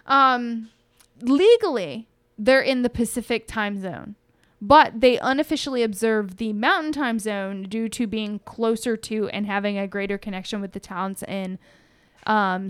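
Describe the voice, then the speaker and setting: A woman's voice: medium pitch, clear, resonant tone, no echo. A woman co-hosting a podcast, telling a story in a rambling, chatty way and often correcting herself. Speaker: podcast co-host. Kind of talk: casual storytelling chat.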